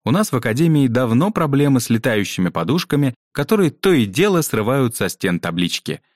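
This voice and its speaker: A man's voice: mid-range voice, very animated, brisk, a little mellow, no room sound, voice pushed up. A man voicing a strict, dry-witted woman teacher who questions two pupils in a clipped, stern manner, read out in a storybook.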